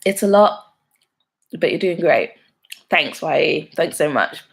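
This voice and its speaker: A young London woman with a London accent hosts a YouTube live stream, chatting casually and laughing often as she reads out and answers viewer comments. Her voice is deep, creaky and husky, a little slow, with lively intonation.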